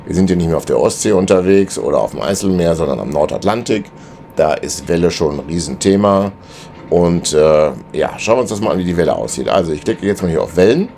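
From inside his anchored sailboat's cabin, with wind outside, a middle-aged vlogger gives a chatty, filler-heavy walkthrough of route planning over on-screen maps. His voice sits low and is a little mellow, and a little hiss or hum runs underneath.

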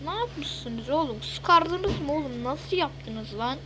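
A woman giving casual, excitable gameplay commentary, exclaiming and grumbling as she plays. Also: high-pitched, slow pace, noisy background. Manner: excitable, swears and exclaims a lot. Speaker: gaming video host.

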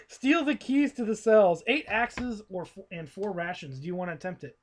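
A man's voice: high-pitched, slow. A man hosting a casual board game with friends, reading the cards aloud and laughing often.

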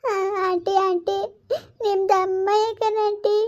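A woman voicing a frightened young daughter who begs slowly and whines as she pleads. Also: very high-pitched, little pitch movement, a little mellow. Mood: pleading. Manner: slow, whiny pleading. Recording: dull lo-fi recording.

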